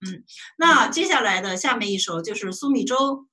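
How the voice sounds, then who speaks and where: Woman teaching a music appreciation class, kinda high bright voice, lots of um and restarts, hums little tunes. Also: animated, moderate pace. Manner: hesitant, many fillers and restarts, hums melody snippets. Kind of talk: casual spoken music lesson.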